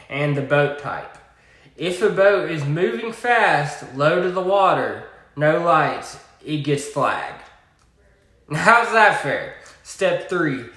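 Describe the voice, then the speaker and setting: Slow-talking Southern man, roomy echo. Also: fairly high pitch, fairly bright tone. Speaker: commentator. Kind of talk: political commentary monologue.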